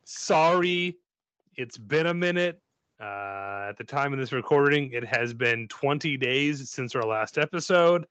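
A man's voice: mid-range voice, expressive, unhurried, fairly bright tone, clear, resonant tone, no echo. A man hosting a podcast, introducing the crew in a jokey, showman-like way and apologizing playfully. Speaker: podcast host. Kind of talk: casual podcast chat.

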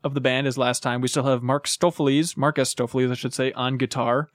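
A man in his thirties hosting a casual podcast, telling quick joking stories into a close mic. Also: medium pitch, flat delivery, no room sound. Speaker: podcast host.

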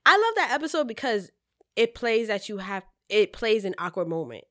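A woman in casual chat, animated and swearing, acting out quotes from a sitcom. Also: mid-range voice, moderate pace, no room sound, studio quality.

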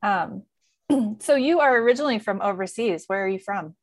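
A woman's voice: mid-range voice, animated, normal speed, no echo. Female podcast host asking questions. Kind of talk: podcast interview.

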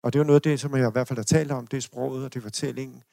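A man's voice: mid-range voice, fairly even intonation, creaky, warm tone, no room sound, clean studio sound. An older man from Denmark giving a lecture, telling personal stories in a rambling, anecdotal way with restarts and chuckles. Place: lecture hall.

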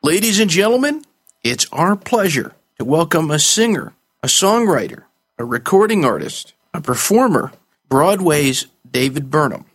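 A man's voice: on the high side, big pitch swings, unhurried, a bit bright, slightly rough. A man hosting an interview in a formal radio style, introducing his guest and putting questions. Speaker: interview host.

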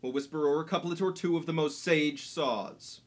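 A man's voice: on the high side, moderate pace, close to an everyday voice. A man playing a rowdy, boisterous knight in a stage play, teasing and blustering. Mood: scheming.

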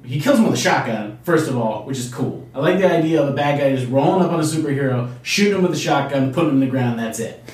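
A man's voice: medium pitch, animated, quick pace, hardly any pauses, a little mellow. An eager man co-hosting a casual comic book podcast, chuckling as he explains. He sits well back from the microphone. His voice rings in a very echoey room. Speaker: podcast co-host. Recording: distant mic, very echoey room.

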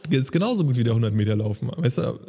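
Fast-talking mellow-voiced man in a reverberant room. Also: mid-range voice, lively intonation, slightly rough. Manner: chatty, rambling, agreeing, hedging with "ne?". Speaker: podcast co-host. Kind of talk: casual podcast chat.

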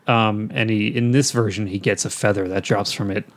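Excitable, filler-heavy podcast co-host man. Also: lowish voice, a little fast. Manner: excitable storyteller, filler-heavy, laughs often. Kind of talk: casual podcast chat.

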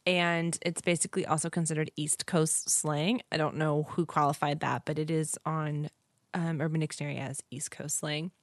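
Lower-voiced, lively woman co-host. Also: moderate pace, dry recording. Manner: animated, chatty, acts out little voices. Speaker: podcast co-host. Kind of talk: casual chat.

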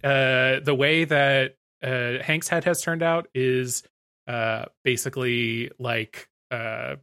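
Relaxed male podcast co-host, casual chatty delivery, mid-pitched. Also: takes it slowly, clear, resonant tone. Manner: easygoing, laughs between remarks. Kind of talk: casual chat.

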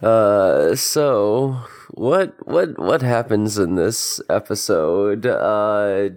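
A podcast host chatting casually, recapping in a halting way and often repeating words. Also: sits low, animated, darkish tone.

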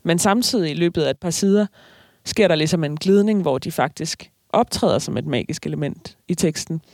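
A writer reading aloud slowly from a novel, then talking about the book with hesitant fillers. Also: medium pitch, a little mellow, dry recording, clean studio sound. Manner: slow, measured reading with hesitant fillers in discussion.

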